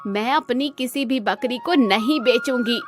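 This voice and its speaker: A woman doing a cartoon granny with a low, slow, scolding voice who fiercely guards her goats and turns tearful and pleading over them. she sounds old and stubborn, with a slight lift of high pitch under the put-on gruffness. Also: soft background music, lightly acted. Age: older. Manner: scolding, then weeping and pleading.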